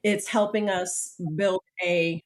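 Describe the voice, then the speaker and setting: A woman in her fifties, a podcast guest telling personal stories in a lively, animated way and acting out the voices in them. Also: medium pitch, takes it slowly. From United States. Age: 50s. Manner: animated storyteller, acts out quotes, repeats "literally". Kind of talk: podcast interview storytelling.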